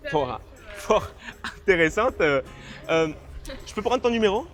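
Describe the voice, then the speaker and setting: Lively, rambling young-sounding man. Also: high-pitched, unhurried, soft background music. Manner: chatty, rambling, hesitant, giggly. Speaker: man approaching strangers on the street. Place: outdoors on a street.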